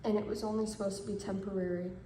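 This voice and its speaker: A woman in her twenties giving a measured, earnest statement straight to camera. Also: medium pitch, flat delivery, dark tone, echoey room, slight background noise, low-quality recording. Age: 20s.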